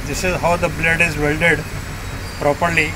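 A man giving slow, step-by-step instructions while demonstrating a machine in a workshop. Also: on the high side, level tone. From India. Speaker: product demonstrator. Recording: noisy workshop recording.

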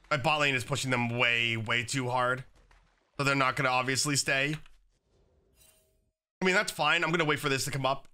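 Still a little raspy after an illness, a young man talks through his gameplay from an indoor home gaming desk. He's a gaming YouTuber with a mid-range voice that sounds pushed and bright, chatty and casual and heavy on fillers like "like" and "um."

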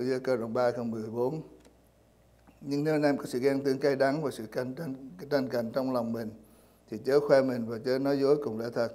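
A man preaches to his congregation in a mellow, warm voice, pausing often on fillers and repeating words as he searches for the next phrase. His delivery is unhurried and plain, the pitch sitting in an ordinary middle range. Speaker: pastor. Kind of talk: sermon. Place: church.

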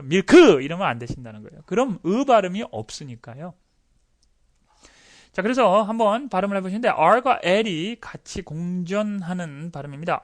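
A fairly high-voiced man teaching a recorded pronunciation lesson. He gets excited, repeats each word many times with exaggerated mouth sounds, and chuckles at himself. He is heard close up on a desk microphone. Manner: animated, drills words over and over with exaggerated sounds; excitable, laughs at himself and apologizes.

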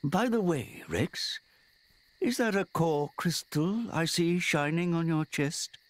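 A man's voice: fairly high pitch, expressive, slow pace. A man voicing a small baby male Titan who talks like a grandfatherly old man, doting and old-fashioned, in game cutscene audio with music behind. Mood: curious.

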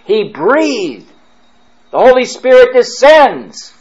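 A priest preaching a retreat sermon, fervent and emphatic, drawing his phrases out slowly. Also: very high-pitched, very animated, a little mellow, breathy edge, muffled recording.

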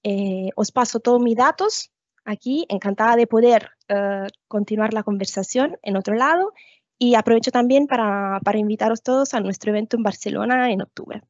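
Woman account executive pitching on a webinar, slightly high voice, hesitant phrasing, dull video-call audio. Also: normal speed, dry recording. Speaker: guest presenter, account executive. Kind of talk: business webinar presentation. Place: indoor video call, seated at webcam.

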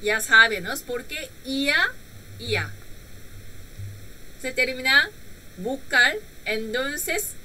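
A woman whose first language is Korean leads a live-streamed language lesson. Her voice is very bright and a little high, with a lively, swooping pitch. She talks patiently and slowly through each point, often checking in with a questioning "right?". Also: slight background noise, low-quality recording. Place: home room.

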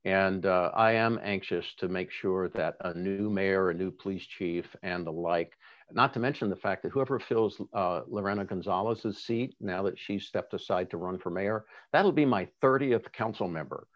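A man's voice: low-pitched, normal speed, highs cut off. A man running for reelection as city attorney, speaking earnestly and passionately in an endorsement interview, often restarting his sentences. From Seattle area. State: tearful at times.

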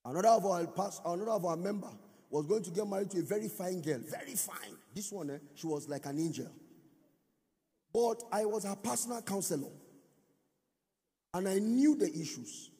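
A man's voice: sits high, expressive, moderate pace, warm tone, in a large hall. A male pastor preaching at a conference, driving his points with sung, rising phrases and call-and-response. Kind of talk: conference sermon teaching. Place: large church or conference hall.

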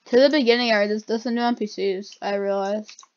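A gamer hosting a playthrough talks casually in a mid-range, steady, darkish voice at a brisk pace, her speech shaped slightly by dental retainers, over a dull lo-fi mic and clicking keys.

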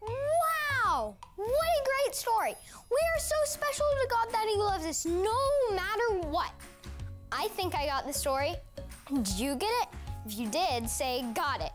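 Someone doing a squeaky, bubbly puppet kid. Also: very animated, measured pace, exaggerated voice. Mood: cheerful. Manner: eager and upbeat, asking kids to answer back. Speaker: puppet character in a kids' lesson. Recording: children's music playing underneath.

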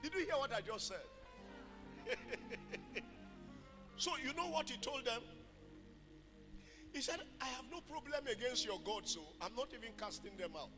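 A man preaches a fervent sermon into a pulpit microphone, his high voice climbing into loud sung cries and broken by long pauses. He is animated and speaks at a normal speed. His voice rings through a hall with long reverb, with music playing clearly behind him.

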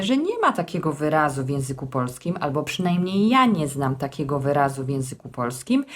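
A woman explaining grammar rules in a formal, measured way with touches of dry humour. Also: deep voice. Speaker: text editor hosting a language series. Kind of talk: scripted language lesson.

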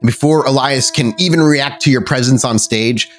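A man runs a tabletop role-playing game, narrating scenes descriptively and dramatically while dropping in casual asides about the rules. He speaks at a normal speed in a medium-pitched voice over soft background music.

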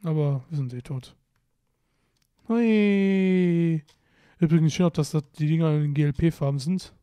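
Playful young man commenting a game, slow. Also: fairly high pitch, dark tone, smooth, no echo, clean studio sound. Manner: playful, exclaims often, mutters to himself. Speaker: let's play commentator. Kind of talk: casual gameplay commentary.

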